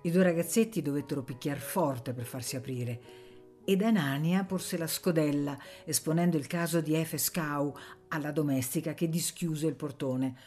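Woman with a low voice reading a novel on radio, measured, faint music under it. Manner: measured, expressive. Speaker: audiobook reader.

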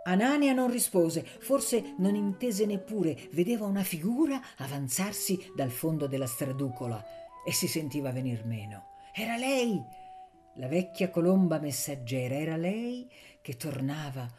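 A woman narrating a novel aloud in a measured, expressive reading. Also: deep voice, music in the background. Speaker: audiobook narrator. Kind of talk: scripted literary narration.

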